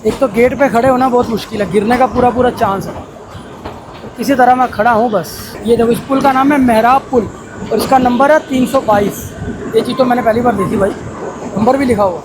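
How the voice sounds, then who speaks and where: A man vlogging a mountain toy train ride, talking casually and excitedly to his viewers. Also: very high voice, fairly quick, noisy background. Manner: chatty, excited, addresses viewers as brothers. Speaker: travel vlogger. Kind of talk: casual travel vlog narration. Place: aboard a mountain toy train and on station platforms.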